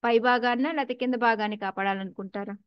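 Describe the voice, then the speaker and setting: A woman's voice: a little high, fairly even intonation, fast, clean tone, dry recording, muffled recording. A woman with a Telugu accent teaching a scripture class in a conversational way, asking her listeners questions and mixing in English words.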